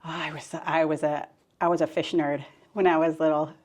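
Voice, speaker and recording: A woman in her forties, guesting on a podcast, with a slightly low voice. She talks in a relaxed, conversational way and thinks aloud as she goes. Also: brisk. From United States. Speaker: guest, fisheries scientist. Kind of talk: casual interview chat.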